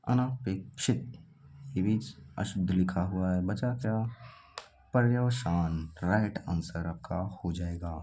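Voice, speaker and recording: A man's voice: lowish voice, warm tone, a little hiss or hum. A man teaching an exam practice lesson, sounding out words aloud as he eliminates wrong answers.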